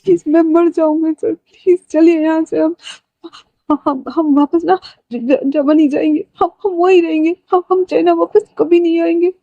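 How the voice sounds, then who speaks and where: A woman voicing a terrified young woman doctor who is crying and pleading, her voice high and breaking. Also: steady tone, normal speed, mellow, dry recording, lo-fi sound. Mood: pleading, sobbing.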